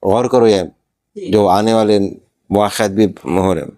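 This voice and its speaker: A man's voice: lowish voice, steady tone, mellow. A man with a Pakistani Urdu accent, reading a religious story aloud and stopping to explain each passage in plain words.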